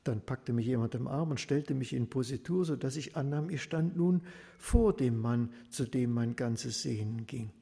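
A man telling a story in the first person as a blind beggar, with a passionate delivery that swells into desperate shouts. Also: medium pitch, moderate pace, gravelly. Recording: reverberant hall.

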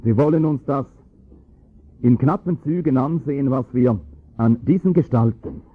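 A man preaching a sermon, explaining scripture with emphatic, rising stress on key points and a husky voice. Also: medium pitch, normal speed. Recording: tinny phone-like lo-fi recording.

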